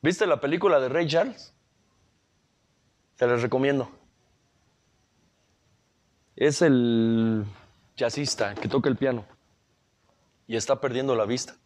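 A man's voice: mid-range voice, slow, long pauses, darkish tone. A man with a Mexican accent giving an emotional motivational talk at a recovery group meeting, earthy and full of coarse slang.

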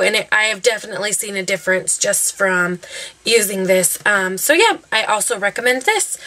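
A chatty young woman raves about her favorite beauty products, her voice bright and a little high. She rambles happily, scattering "um" and "like" as she goes. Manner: chatty, gushing, lots of fillers. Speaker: beauty vlogger. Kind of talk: casual favorites review.

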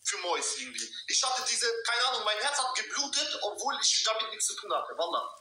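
A man's voice: high voice, big pitch swings, a little fast, bright, forceful tone. A young man hosting a livestream by phone, talking casual slang and repeating himself for emphasis. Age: young adult. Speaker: livestream host. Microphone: phone on a video call. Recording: roomy echo, faint noise.

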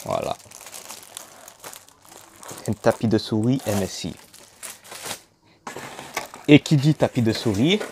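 A man's voice: lowish voice, darkish tone, slight background noise. A young man casually unboxing a laptop in a vlog, joking and slangy. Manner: joking, slangy, slow and chatty. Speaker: YouTuber.

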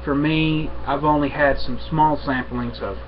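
A young man chatting casually to camera at home in an unhurried, halting, rambling way. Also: fairly high pitch, fairly even intonation. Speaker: vlogger, pipe smoker. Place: small room at home, indoors. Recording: dull webcam audio with faint noise.

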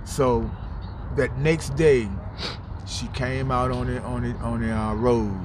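Casting: middle-aged man, plain mid-pitched voice, earnest and rambling, with street traffic audible behind him. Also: fairly even intonation, slow. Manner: heartfelt, repetitive, stumbling storyteller. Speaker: interviewee. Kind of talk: candid street interview. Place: outdoors in a city park. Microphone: phone camera held close. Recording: outdoor street noise, traffic.

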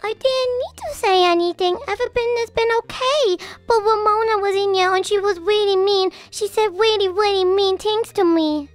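A woman's voice: very high-pitched, moderate pace, hardly any pauses, soft background music, pitched above the performer's own voice. A woman voicing a whiny, sweet toddler girl in a Minecraft role-play. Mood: upset. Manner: whiny, pleading childlike voice.

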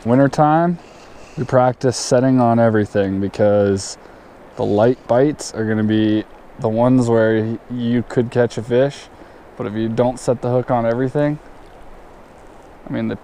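A young man talks through his fly fishing in a relaxed, easygoing way, his voice a little faint over soft river noise as an action camera picks him up outdoors. He sits at an ordinary middle pitch. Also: measured pace. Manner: relaxed, explaining as he fishes. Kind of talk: casual outdoor vlog narration.

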